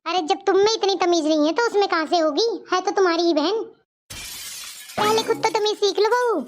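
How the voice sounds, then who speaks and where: A woman voicing a stern, scolding middle-aged mother-in-law in a cartoon story, with a high, squeaky voice that sits lower than the other characters. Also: brisk, slight background noise. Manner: nagging, accusing.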